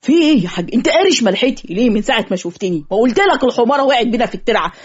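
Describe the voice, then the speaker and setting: A woman's voice: fairly high pitch, expressive, breathy edge. A woman with an Egyptian accent voicing a clumsy, teasing young male marriage officiant in a cartoon story. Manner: teasing, quick comic retorts. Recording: lo-fi muffled audio.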